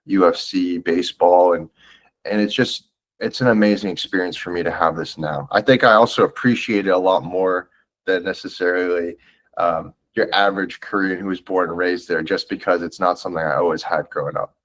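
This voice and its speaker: This American podcast guest in his twenties speaks a little fast in a steady tone, his low-pitched voice fairly bright over a rough recording. It's a casual interview chat, and he sounds earnest and reflective while talking in a loose, filler-heavy way.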